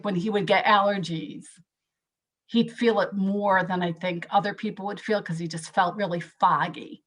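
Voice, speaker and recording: A woman as an interview guest, giving a candid, earnest personal account and pausing often with soft hesitations. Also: on the low side. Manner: earnest, reflective, pauses with soft "um"s.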